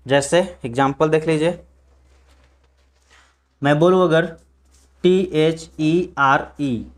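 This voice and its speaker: Man teaching pronunciation, slightly high voice. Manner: spells words letter by letter and drills them slowly; asks the class questions and answers them himself. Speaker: English teacher. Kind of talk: classroom pronunciation lesson.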